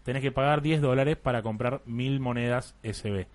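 A man's voice: medium pitch, normal speed. A young man with an Argentine accent, hosting a casual game review chat and rambling a bit as he talks. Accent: Argentine Spanish. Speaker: podcast host reviewing games.

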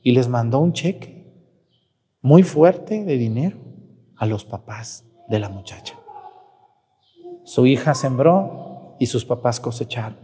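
Mexican priest, folksy scolding sermon, warm tone, long church reverb. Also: male voice, mid-range voice, expressive, slow, long pauses, husky. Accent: Mexican Spanish. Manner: folksy, scolding, acts out parishioners' voices.

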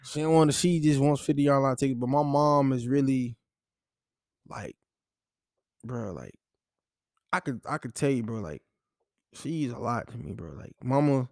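A man's voice: medium pitch, lively intonation, moderate pace, pauses often, darkish tone, no room sound, studio quality. A young man, a college football player, talking casually and with feeling in an interview, often saying "bro". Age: young adult. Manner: heartfelt, repetitive, says "bro" often.

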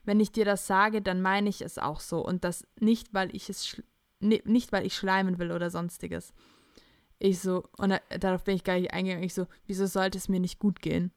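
A young woman hosts a casual podcast, animatedly retelling a chat conversation, quoting the texts and acting out both sides. Her mid-range voice moves a little fast, in a dry, clean studio recording.

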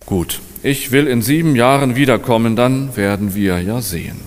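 A man voicing Life as a calm, stern wandering spirit in a read-aloud fairy tale, in a measured, solemn manner. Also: medium pitch, close to an everyday voice. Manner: measured, solemn storybook reading. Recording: long hall reverb.

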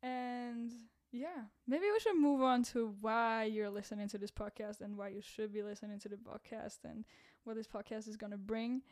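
A woman's voice: on the high side, fairly even intonation, moderate pace, hardly any pauses, a little mellow. Chatty young-sounding woman podcaster, cracky voice. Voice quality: voice cracks, a bit rough. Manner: rambling, self-deprecating, laughs at own jokes. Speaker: podcast host and content creator. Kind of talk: casual solo podcast chat.

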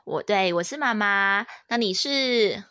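Mom-teacher type, mid-pitched woman, patient and coaxing, slows down to model each word, casual home lesson. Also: lively intonation, bright, forceful tone, no echo, studio quality. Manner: patient, coaxing, repeats words slowly and clearly; switches between Chinese, French and English. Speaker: French teacher and mother. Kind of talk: casual French lesson with her young daughter.

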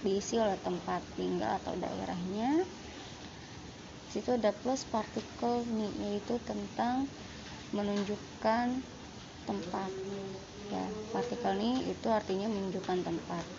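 A woman's voice: mid-range voice, measured pace, creaky, pauses often. A woman teaching a Japanese lesson online, patiently repeating and rephrasing with frequent fillers. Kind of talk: online lesson explaining sentence patterns. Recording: lo-fi with steady background noise.

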